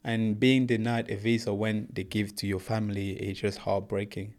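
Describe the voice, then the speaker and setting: Interview guest: young man from Congo, English not his first language, lowish voice, earnest storyteller. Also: level tone, moderate pace, darkish tone. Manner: earnest, plain storytelling, says "bro" often. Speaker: guest, professional boxer. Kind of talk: casual interview.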